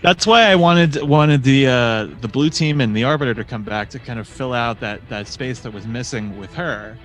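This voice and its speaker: A man's voice: medium pitch, faint music behind. A man co-hosting a podcast in casual chat, critical and chatty, on a podcast mic. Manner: critical, chatty, quick asides. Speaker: podcast co-host.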